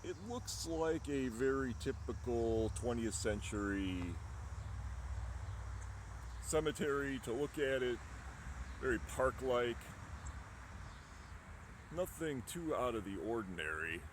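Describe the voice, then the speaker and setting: A man, middle-aged, hosting an on-location vlog to camera outdoors, with a theatrical showman-like delivery and pauses, over wind and traffic. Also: mid-range voice, animated. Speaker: vlog host. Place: outdoors in an open park-like cemetery. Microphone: camera at arm's length.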